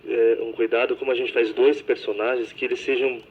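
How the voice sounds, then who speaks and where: A man's voice: medium pitch, level tone, a little fast, slightly rough. Male actor explaining on dull radio. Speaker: stage actor. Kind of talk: interview guest chat.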